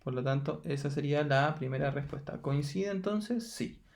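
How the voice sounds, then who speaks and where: A Chilean man giving a recorded math lesson, his voice a touch high and gravelly. He works through each step slowly and patiently, counting out loud and checking that his students follow. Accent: Chilean Spanish. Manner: patient, steps through counting aloud with frequent "ya". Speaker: math teacher. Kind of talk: recorded lesson explaining exercises.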